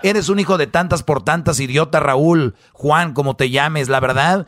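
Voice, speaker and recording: A man's voice: on the high side, moderate pace, natural voice. A man voicing a furious, hysterical wife with a Mexican accent, shrilly hurling insults at her husband. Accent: Mexican Spanish.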